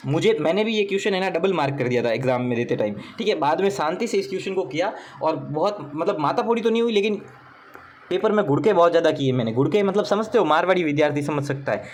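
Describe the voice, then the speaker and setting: A man's voice: on the high side, expressive, quick pace. A young man, teaching through an exam paper in a chatty, joking way, often checking in with his students. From Rajasthan, India. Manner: chatty, joking asides, repeats "theek hai na". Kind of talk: recorded exam paper walkthrough.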